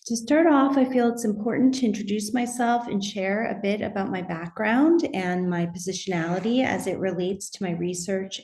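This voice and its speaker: A middle-aged woman giving a conference presentation on her research, methodical and measured, with occasional fillers and restarts. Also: mid-range voice, darkish tone. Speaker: academic researcher presenting at a symposium. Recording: roomy echo.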